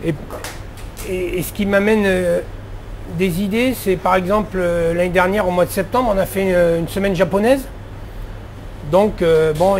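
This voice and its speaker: High-voiced chatty French chef. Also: male voice, a little mellow, a little hiss or hum. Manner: chatty, many fillers and restarts. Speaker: head chef. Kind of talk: casual interview answers.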